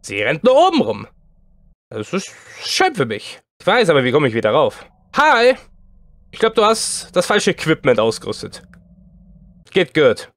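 A man commentating a horror game as a let's play host, excitable and chatty, talking to the game's characters as he plays. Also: fairly high pitch, normal speed, no echo.

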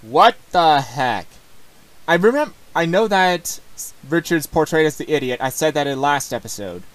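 A man's voice: fairly high pitch, expressive, moderate pace, a bit bright, low-quality recording. A man hosting a casual reaction video, talking in a hesitant, rambling way with many restarts. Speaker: host reacting to his old videos.

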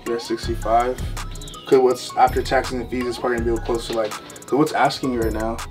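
A man's voice: mid-range voice, flat delivery, fairly quick. A man working in a sneaker shop, chatting casually and working out prices aloud. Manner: easygoing, talks figures out loud. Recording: music playing behind.

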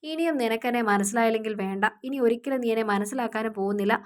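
Audiobook part: a woman reading a gruff yet tender young man, in a fairly high voice. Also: fast talker, natural voice. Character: stern but tender young man, lover.

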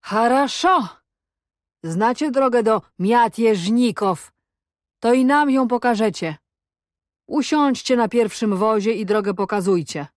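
A woman's voice: on the high side, expressive, dry recording, clean studio sound, voice pushed up. A woman voicing a mocking young male Cossack officer who drags out his syllables with a hiss. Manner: mocking, drawn-out syllables, hissing.

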